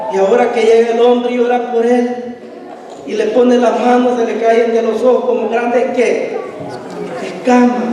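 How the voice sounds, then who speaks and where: A man preaching a sermon in a church, often asking the congregation to finish his sentences and acting out scripture dialogue. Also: very high-pitched. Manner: call-and-response questions to the congregation. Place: church sanctuary. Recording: echoey hall, distant mic.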